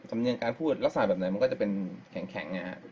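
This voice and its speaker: A man's voice: on the low side, animated, quick pace, darkish tone, a little hiss or hum. Chatty man teaching guitar scales. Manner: chatty, explains step by step, counts scale degrees aloud. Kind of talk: casual live-stream guitar lesson. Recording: slightly dull live-stream audio with guitar music. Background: guitar playing and backing track.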